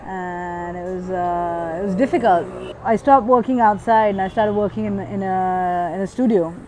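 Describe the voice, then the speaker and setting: A woman's voice: mid-range voice, normal speed, dark tone, slight background noise, low-quality recording. A woman in her thirties who grew up in Switzerland, a graffiti artist speaking reflectively in a documentary interview, thinking aloud with small restarts. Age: 30s. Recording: hip-hop music playing underneath.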